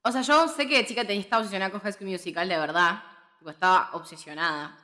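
A woman's voice: mid-range voice, fast talker. A woman in her twenties with a Rioplatense Spanish accent, co-hosting a film podcast and telling stories in casual, slangy chat. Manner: animated storytelling with laughter, slangy. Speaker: podcast co-host.

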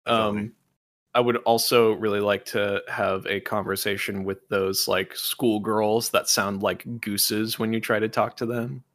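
A man with a lowish voice co-hosts a casual gaming podcast. He rambles and fills his sentences with "like" and "uh", and he steers the chat with questions. His voice is recorded dry, with no room sound. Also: flat delivery, measured pace, a bit bright, no room sound. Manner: rambling, heavy use of "like" and "uh"; leads the discussion with questions. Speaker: podcast co-host.

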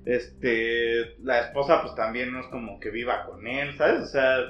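A man's voice: mid-range voice, measured pace. A man with a Mexican accent hosting a podcast, telling news gossip in casual, rambling, slangy talk. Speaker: podcast host. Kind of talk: casual storytelling chat with slang. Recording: muffled, echoey room with music.

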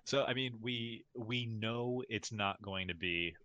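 A man with a lowish voice and a bright, forceful tone jokes his way through a casual podcast chat. He stammers at the start of sentences. The recording is dry and close. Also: takes it slowly, no echo, highs cut off.

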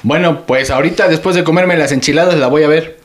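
Man as a jokey middle-aged dad, Mexican Spanish accent, slightly high voice, playful whining. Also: quick pace, close to an everyday voice. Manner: joking, exaggerated whining. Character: joking middle-aged Mexican father, hungry and teasing. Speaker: father. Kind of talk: sketch acting.

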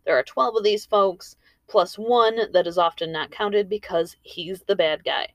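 A woman's voice: mid-range voice, a little slow, no echo. A woman hosting a story podcast, telling tales and chatting in an informal way with rambling asides. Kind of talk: storytelling and casual commentary. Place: room in a house.

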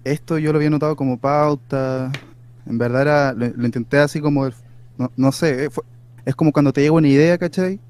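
A young man with a Chilean accent co-hosting a podcast, rambling and halting, playfully insistent. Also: on the high side, fairly even intonation, a little mellow, clean tone. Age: young adult. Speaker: podcast co-host. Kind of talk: casual comedic chat.

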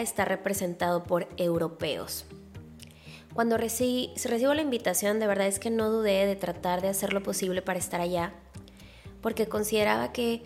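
A woman hosts a solo podcast in a nasal, stuffed-up voice of average pitch. She speaks informally and emphatically, straight to her listeners. Faint music plays behind her. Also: darkish tone. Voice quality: nasal, congested-sounding voice. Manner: chatty, informal, emphatic with rhetorical questions. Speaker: podcast host. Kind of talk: casual solo podcast monologue, addressing listeners directly.

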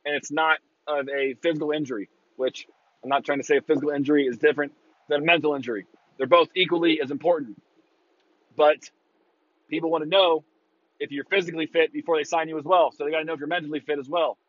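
A man's voice: on the high side, fairly even intonation, quick pace, fairly bright tone, dry recording. Burnt-out man ranting, dull dry recording. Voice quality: burnt-out, worn voice. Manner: profane, blunt, ranting; opinionated, breaking into mocking quotes. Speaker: sports talk host. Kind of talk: casual football rant commentary.

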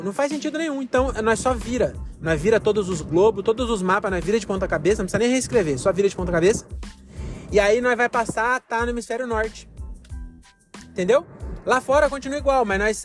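A man's voice: high-pitched, fast talker, soft background music. A man who does stand-up, chatting casually after a show in a rambling, self-mocking, jokey way. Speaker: stand-up comedian. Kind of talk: casual post-show chat.

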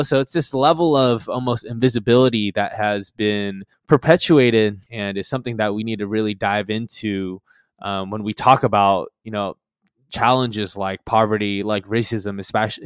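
A young man from the San Francisco Bay Area talks through his interview answers in a relaxed, conversational way, often saying "um" and "you know." His voice is lowish and smooth, and the recording is close and dry. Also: no room sound. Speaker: interviewee, photographer.

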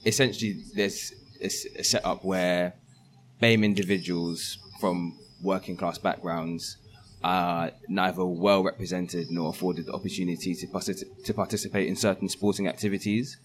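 A young man hosting a podcast, asking questions in a relaxed, loose way with many fillers. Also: sits low, a little hiss or hum. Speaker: podcast host. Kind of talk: casual podcast interview.

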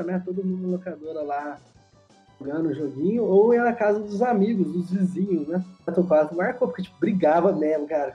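A man's voice: high-pitched, mellow. A young man with a Brazilian Portuguese accent in casual, slangy chat, often ending on tag questions. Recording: dull lo-fi, music behind.

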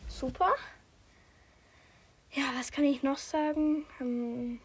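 A woman's voice: sits high, fairly even intonation, slow pace, a little mellow, poor audio. A young woman hosting a casual solo podcast recorded on her phone, chatting loosely, losing her thread and breaking off mid-sentence. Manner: chatty, scattered, self-interrupting, often drops to a whisper. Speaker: podcast host. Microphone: phone, no microphone.

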